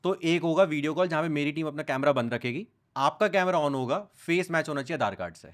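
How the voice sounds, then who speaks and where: Animated young man telling stories. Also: fairly high pitch, quick pace. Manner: animated storytelling, mixing English into speech. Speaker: news content creator, guest. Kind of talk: casual podcast interview.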